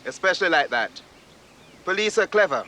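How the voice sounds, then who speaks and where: An actor playing a defensive, slangy, dismissive street witness in a 1970s TV drama. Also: male voice, sits high, lively intonation, normal speed, pushed and bright, a little hiss or hum. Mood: mocking. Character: defensive, mocking street witness stonewalling questions.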